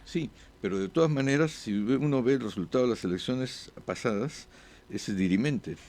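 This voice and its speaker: A man speaking as a diplomat guest in an interview, with halting answers full of "eh" pauses and restarts. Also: medium pitch, expressive, vocal fry, a little mellow. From born abroad.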